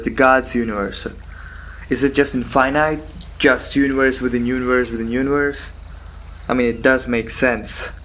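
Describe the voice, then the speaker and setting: A man's voice: mid-range voice, fairly bright tone. Musing man over noisy cricket ambience. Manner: musing, halting, rhetorical questions and repeated phrases. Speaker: solo host of a philosophical talk. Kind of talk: rambling philosophical monologue. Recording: background noise with insect and cricket sounds.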